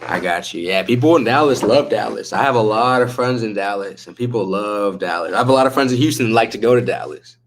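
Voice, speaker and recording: A man with a laid-back stoner drawl hosts a livestream, chatting casually with viewers, slinging slang and swearing freely. His voice runs on the low side, and he talks fast with hardly any pauses.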